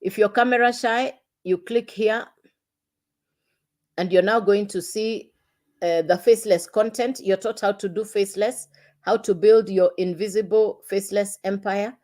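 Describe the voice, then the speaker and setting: A woman hosts a casual livestream pitch for an online business. She talks straight to her viewers, repeating her points to coax them along. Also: fairly even intonation, unhurried, darkish tone. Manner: repetitive, coaxing, addresses viewers directly.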